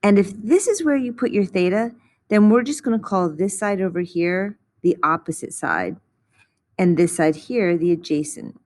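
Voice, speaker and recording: A woman's voice: medium pitch, moderate pace, darkish tone. A woman teaching a recorded math lesson, patiently explaining each step in a close voice-over.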